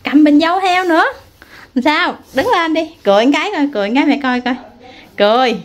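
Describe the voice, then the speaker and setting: A woman's voice: high-pitched, a little fast. A woman, a mother chatting casually while filming her family, teasing and coaxing her child. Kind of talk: casual family vlog chat.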